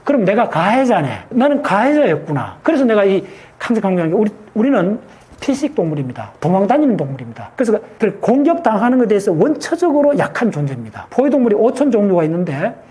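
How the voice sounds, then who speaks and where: A man's voice: sits high, sing-song, fast talker, a little mellow. A man, a guest scientist explaining his ideas emphatically and often asking rhetorical check-in questions. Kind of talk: explanatory talk on a show.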